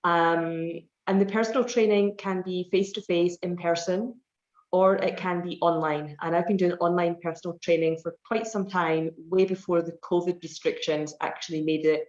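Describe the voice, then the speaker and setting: A woman's voice: lowish voice, fairly even intonation, moderate pace, a little mellow. A Scottish woman in her forties, a personal trainer chatting in an interview, explaining at length with many fillers. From Scotland. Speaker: personal fitness trainer, guest. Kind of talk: casual interview answers. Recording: roomy, dull online call audio.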